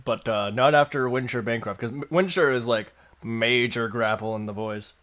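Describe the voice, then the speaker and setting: A man running a tabletop game on a stream, explaining rules in a relaxed, joking way with fillers. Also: medium pitch, normal speed. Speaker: game master.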